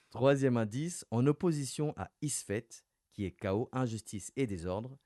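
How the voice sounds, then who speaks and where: A man hosting a radio interview and running a quiz game, talking in a lively, playful way and stressing his clues. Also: mid-range voice, takes it slowly, no room sound, clean studio sound. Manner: lively, playful, announces clues with rising emphasis. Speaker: radio host. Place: radio studio.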